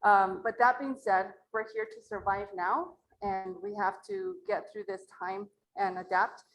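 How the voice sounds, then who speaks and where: Representing an acequia, a low-voiced woman from Mora, New Mexico, addresses a community meeting in a library room in an earnest, plain way. She talks a little slowly with a steady tone, over poor audio carrying some hiss or hum.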